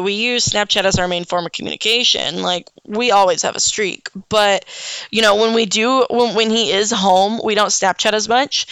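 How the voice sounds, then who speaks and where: A woman's voice: mid-range voice, pushed and bright, clean tone, no echo. A young woman hosting a casual solo podcast, rambling frankly with lots of "um" and "like", swearing often, yawning and hiccuping. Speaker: podcast host.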